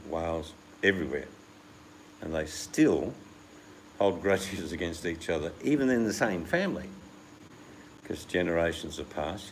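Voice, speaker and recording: A man with a very low voice and a gravelly, crackly edge, talking in a loose, rambling chat. He hosts the talk and slips into the voices of the people he quotes. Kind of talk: casual chat.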